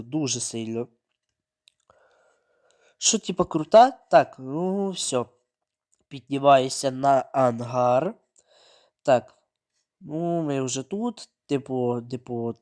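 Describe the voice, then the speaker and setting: A man giving running gameplay commentary, narrating his own moves, repeating words and breaking into sudden excited outbursts. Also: mid-range voice. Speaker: mobile game streamer.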